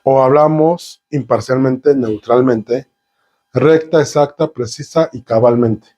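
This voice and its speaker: A man with a mellow, mid-range voice preaches slowly, stacking synonyms and rhetorical questions. He draws the congregation in by talking with them and asking them questions.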